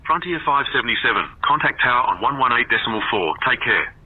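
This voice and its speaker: A man working as an air traffic controller, heard as a radio transmission through a cockpit headset, giving brisk, matter-of-fact instructions in clipped radio phraseology. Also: mid-range voice, animated. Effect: air traffic radio heard over a cockpit headset. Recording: muffled radio with faint hiss.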